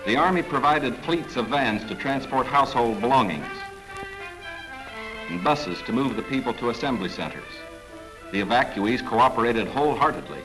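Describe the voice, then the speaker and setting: A man giving formal, measured 1940s government newsreel narration. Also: medium pitch, expressive, poor audio. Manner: formal, measured, authoritative delivery. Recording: narration over clear background music.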